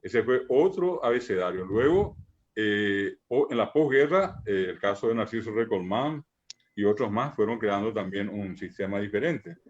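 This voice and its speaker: A man teaching a language class online, patiently repeating examples, pausing on fillers and checking in with his students. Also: lowish voice, animated. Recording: muffled online call audio.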